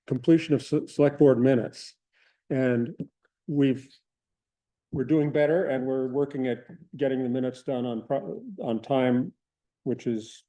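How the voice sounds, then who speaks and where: A man's voice: mid-range voice, warm tone, rough recording. A man chairing a small-town board meeting, leading the discussion in a casual, agreeable way.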